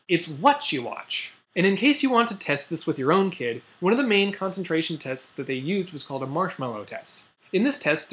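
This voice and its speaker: A young American man hosts a science news explainer in a somewhat high, slightly bright voice. Though semi-scripted, he sounds conversational, often veering into playful asides and mock exclamations before getting back to the explanation.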